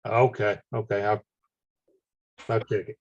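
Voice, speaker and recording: A man chatting casually on a group voice call, asking quick follow-up questions about a hobby build. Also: fairly low pitch, little pitch movement, no echo. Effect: heard over a group voice call. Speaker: hobbyist chat participant. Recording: dull lo-fi call audio.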